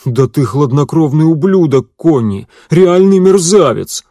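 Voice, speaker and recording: A man voicing an angry, crude male accomplice who curses and shouts accusations. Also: mid-range voice, moderate pace, no room sound, clean studio sound, natural voice. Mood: furious. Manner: loud, cursing, accusing.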